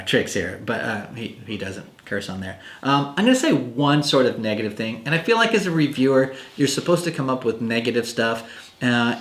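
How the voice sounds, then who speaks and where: A man's voice: medium pitch, fairly bright tone. A man giving a casual, rambling video review of a magic product, full of ums and uhs. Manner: chatty, rambling with many fillers. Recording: roomy echo.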